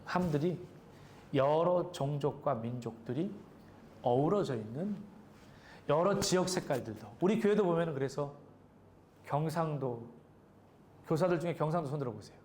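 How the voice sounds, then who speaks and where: A man's voice: fairly high pitch, expressive, moderate pace, long pauses, darkish tone, a little hiss or hum. A male pastor preaching a sermon in a conversational way, asking the congregation questions. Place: church sanctuary.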